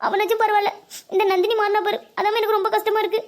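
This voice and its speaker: High, quick cartoon granny, fussy and fond, a village elder voiced by a performer. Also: flat delivery. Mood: grieving. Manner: scolding and fond. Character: fussy older village grandmother. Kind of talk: cartoon voice acting.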